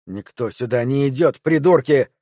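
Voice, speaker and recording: A man's voice: mid-range voice, normal speed, mellow, no room sound, clean studio sound, close to an everyday voice. A man doing an enraged, paranoid infected man. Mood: raging. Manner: raised, angry, ranting.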